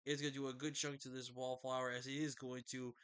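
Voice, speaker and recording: Sleepy, bright-voiced game commentator man. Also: medium pitch, flat delivery, quick pace, smooth. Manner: chatty, loose, with fillers and self-corrections. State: sleepy, yawning late at night. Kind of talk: casual gameplay commentary.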